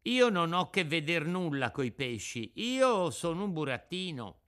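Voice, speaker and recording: A man's voice: on the high side, big pitch swings, a little slow, a bit bright, pitched above the performer's own voice. A man voicing a frightened, whiny wooden puppet boy in an audiobook reading. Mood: scared pleading. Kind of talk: audiobook character voice.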